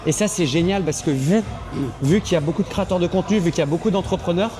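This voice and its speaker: Crowd noise surrounds this young Frenchman, an expat coach with a high-pitched voice who talks fast. His casual, emphatic chat and home tour are full of restarts.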